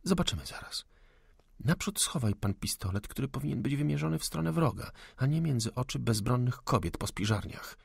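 A man voicing a proud young lady of the manor, calm, witty and unafraid, in an audiobook. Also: medium pitch, fairly quick, vocal fry, slightly rough, no echo, studio quality, pitched above the performer's own voice, heavily acted. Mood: cool defiance. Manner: cool, ironic, unafraid.

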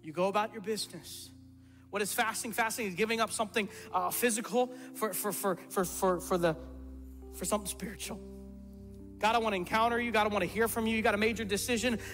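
A middle-aged pastor preaches a sermon from a church stage to his congregation, his voice sitting high with fairly even intonation and a fast pace. He is emphatic, repeating words for stress. The hall is reverberant, with soft music underneath.

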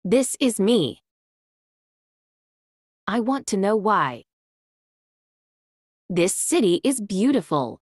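Slow, clear woman's phrase drill. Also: mid-range voice, big pitch swings, no echo, clean studio sound. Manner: reads each short phrase slowly and clearly, with long pauses. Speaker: English teacher.

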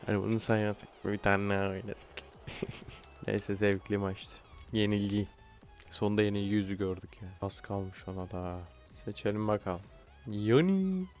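Young man, gaming commentary, low voice, frustrated outbursts, faint music behind. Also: monotone, normal speed, darkish tone. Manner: frustrated outbursts, swearing at players. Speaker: gaming YouTuber. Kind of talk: live gameplay commentary.

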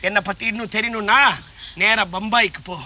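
A man playing a boastful, shrill comic gangster boss. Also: fairly even intonation, a little fast, sharp tone. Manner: boastful, bossy, barking orders and threats. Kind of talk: comic Tamil stage play acting.

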